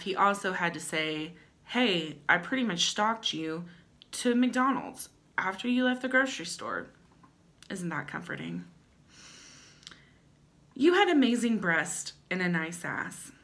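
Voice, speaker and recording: In a small indoor room at home, a young adult woman presents a comedic dramatic reading, mixing in chatty asides with a wry, playful touch and theatrical stress on her lines. She has a lowish voice with a fairly bright tone.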